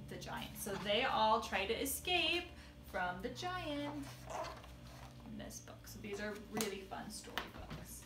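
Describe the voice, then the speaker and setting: With background noise and a roomy echo around her, a young woman selling children's books talks through them casually. Her mid-range voice stays chatty, and she playfully reads lines aloud.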